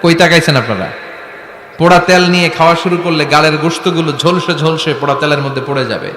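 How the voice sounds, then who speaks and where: A man delivers a dramatic sermon, throwing rhetorical questions at the crowd. His fairly high voice rings bright and forceful. It carries a long echo through a big hall with faint ambience behind it. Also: fast talker, slight background noise. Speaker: preacher.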